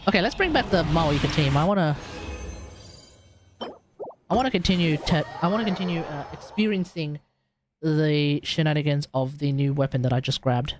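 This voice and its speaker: A game streamer rambles and thinks aloud during casual livestream commentary, with video game music playing behind him. His voice sits on the high side, and he talks at normal speed with long pauses.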